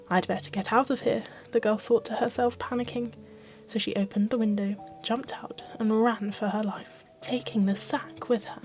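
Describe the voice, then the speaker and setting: As a storyteller, a woman with a medium-pitched voice reads a fairy tale as ASMR. She speaks softly and expressively in a bedtime style, with gentle music playing behind her.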